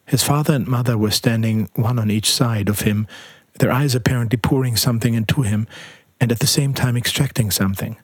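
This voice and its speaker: A man narrating a story in a measured, even reading. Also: medium pitch, husky, no echo. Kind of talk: scripted audiobook narration.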